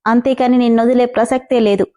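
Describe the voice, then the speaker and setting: A woman voicing an obsessive, mocking young man in a storybook reading, in her own high, mellow voice. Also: steady tone, quick pace, lightly acted. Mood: taunting. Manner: taunting, possessive.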